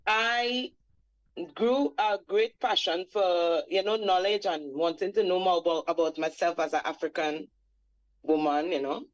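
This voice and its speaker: A Trinidadian woman in her forties, a reggae singer guesting on a radio interview, recounts her life in a reflective, storytelling way with many fillers. She has a Trinidadian accent and a fairly low, unhurried voice, and the sound is lo-fi.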